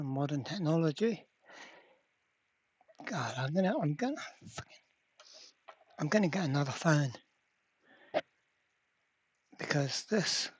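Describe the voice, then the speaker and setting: At an indoor workbench, an electronics repairer narrates a hands-on repair video casually, muttering to himself with some mild swearing. The voice sits at a medium pitch and sounds slightly rough.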